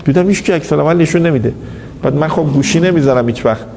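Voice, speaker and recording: A man's voice: fairly high pitch, gravelly, darkish tone. A man giving an anecdotal lecture, telling a story and animatedly quoting the people in it. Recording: reverberant hall, faint background noise.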